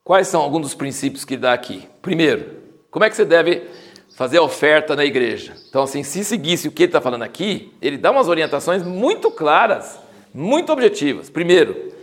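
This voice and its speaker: A man with a Brazilian accent teaches the Bible in a loose, chatty way. His voice sits a little high, swings widely in pitch and has a gravelly edge. He reads scripture slowly and with weight. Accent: Brazilian Portuguese. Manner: animated, informal, leans into irony and sarcasm.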